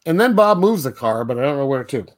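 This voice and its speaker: A man's voice: medium pitch, very animated, fast. Laughing man recapping an old movie. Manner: laughs often, recounts plot with voiced quotes. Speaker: podcast co-host. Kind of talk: casual movie recap chat.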